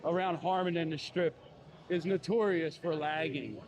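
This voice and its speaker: A man's voice: a little high, steady tone, normal speed, darkish tone, highs cut off. A man with a Philadelphia accent, chatting casually on a live stream as he walks a city street, rambling and full of fillers like "you know". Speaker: live-streaming walking vlogger. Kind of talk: casual live-stream chat while walking. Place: outdoors on a busy city street.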